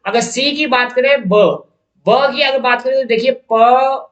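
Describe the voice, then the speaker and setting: High-voiced man teaching in an echoey room. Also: steady tone, unhurried, fairly bright tone, dull audio. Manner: explains step by step, repeats key terms. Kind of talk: exam-prep lesson.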